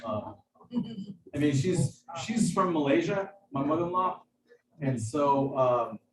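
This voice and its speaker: A man, a chef, giving a casual cooking demonstration in a kitchen over a video call. He talks in a hesitant, halting way, with lots of fillers and restarts. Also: on the high side, animated. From United States. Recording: echoey room, far from mic, background noise.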